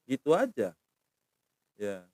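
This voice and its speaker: A middle-aged man teaching language on a live stream, patiently repeating words slowly and asking viewers questions. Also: mid-range voice, wildly swooping pitch, a little mellow, dry recording.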